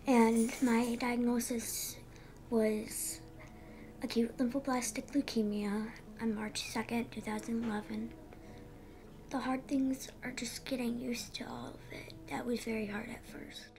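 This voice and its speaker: A thirteen-year-old girl giving a candid personal interview in halting, youthful casual phrasing. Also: on the high side, level tone. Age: 13, young teenager. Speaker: interviewee, young patient.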